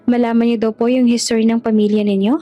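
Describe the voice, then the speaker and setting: A woman's voice: a little high, level tone, quick pace, dull audio, close to an everyday voice. Bashful, polite young maid from the province, voiced by a woman in a storybook read-aloud.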